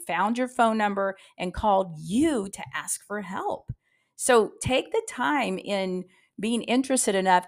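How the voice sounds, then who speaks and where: Speaking at a medium pitch, a woman hosts a podcast as a practice coach. She addresses her listeners directly and emphatically, leaning on rhetorical questions.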